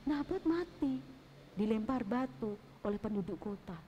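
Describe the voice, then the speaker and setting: A woman teaching Sunday school, telling a story to children in an animated way, with sound effects and asides to the kids, with a lot of reverb from a church hall. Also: a little high, moderate pace, lo-fi sound, slight background noise.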